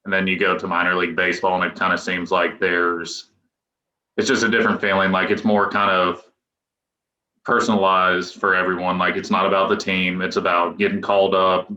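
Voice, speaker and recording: A man in his twenties, a professional pitcher, chatting loosely as a podcast guest with restarts and chuckles. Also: little pitch movement, a little fast, pushed and bright. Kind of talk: casual podcast interview. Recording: echoey room, dull lo-fi sound.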